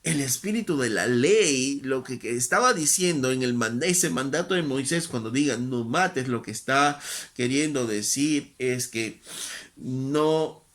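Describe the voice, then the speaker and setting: A man's voice: mid-range voice, a little slow, a bit bright. A man preaching a sermon in an earnest teaching tone. He often checks in with rhetorical tag questions and repeats phrases for emphasis.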